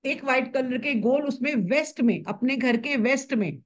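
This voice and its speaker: High-voiced woman teaching brisk and repetitive. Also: lively intonation, dull audio. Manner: brisk, repetitive, conversational explaining. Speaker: spiritual manifestation teacher. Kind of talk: live online class talk.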